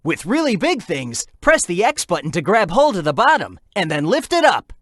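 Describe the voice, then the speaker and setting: Young hedgehog game hero: upbeat, teasing sidekick guide, lively swooping pitch, close dry sound. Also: male voice, moderate pace, no room sound, exaggerated voice. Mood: upbeat, instructive. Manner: energetic, breezy, teasing. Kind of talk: video game character voice lines.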